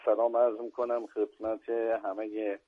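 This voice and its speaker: Older male poet on a phone line, husky and formal, measured recitation. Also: on the low side, level tone. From Iran. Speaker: guest poet. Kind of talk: phone-in chat and poetry recital. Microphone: telephone.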